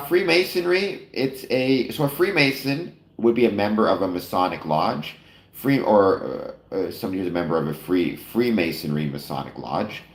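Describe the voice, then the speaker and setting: With a deep, slightly nasal voice and vocal fry, a live stream host chats casually with viewers late at night, leaning on fillers and correcting himself often. There is a roomy echo in the recording.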